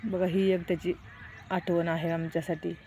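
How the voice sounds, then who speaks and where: Brief: middle-aged woman vlogger, plainspoken and direct with viewers, low-key even delivery, soft mellow tone. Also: moderate pace, a little hiss or hum. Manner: plainspoken, keeps saying "look" to viewers. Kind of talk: casual vlog storytelling.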